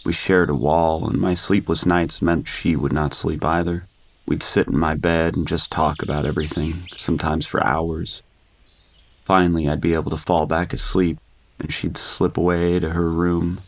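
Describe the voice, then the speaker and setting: A man narrating a first-person horror tale with a very deep voice. There is a gravelly fry under his words, and he tells it steadily and grimly. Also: level tone, moderate pace.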